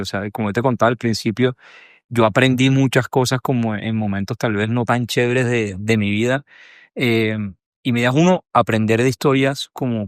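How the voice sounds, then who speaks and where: Guy hosting a podcast, mid pitch, thoughtful, dry close mic. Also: no echo. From Colombia. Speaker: podcast host. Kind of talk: casual interview chat.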